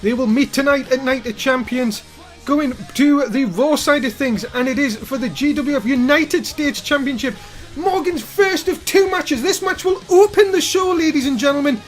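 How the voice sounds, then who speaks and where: A man's voice: very high voice, normal speed, faint music behind. A man hosting a wrestling pre-show, presenting the event like an announcer and putting questions to his panel. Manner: announcer-like, addresses co-panellists and audience.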